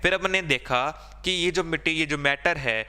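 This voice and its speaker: Guy teaching a class 10 science lesson, bright clear voice, keeps asking the class questions and checking in. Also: on the high side, moderate pace, in a large hall. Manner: asks students' questions aloud then answers them; conversational, repeats "theek hai" to check in. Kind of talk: board-exam science lesson.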